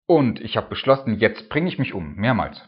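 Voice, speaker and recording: A man preaching a sermon in a conversational way, often tagging his sentences with a questioning "ne?", swinging between emphatic rises and hushed drops. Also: lowish voice, sing-song, normal speed, husky, lo-fi sound. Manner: conversational, frequent tag "ne?".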